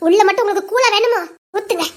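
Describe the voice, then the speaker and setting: A woman's voice: extremely high pitch, rapid-fire. A woman voicing an anxious but firm young wife who scolds and worries. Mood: scolding.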